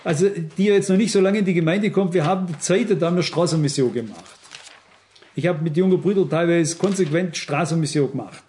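An older man with a Swabian accent preaches in a loose, conversational way, his voice sitting a bit high. He keeps turning to the congregation and hammers his points home by repeating them. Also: fairly quick, dark tone. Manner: conversational, emphatic, repeats himself, addresses listeners directly. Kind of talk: informal sermon.

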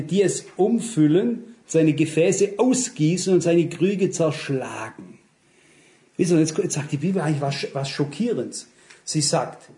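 A man preaching a sermon, switching between emphatic stress and quiet, hushed remarks. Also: high-pitched.

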